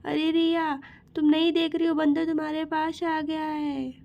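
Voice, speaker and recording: A woman's voice: high voice, little pitch movement, moderate pace, gravelly, darkish tone, lo-fi sound. A woman voicing a playful, chatty little girl in a doll story. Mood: excited.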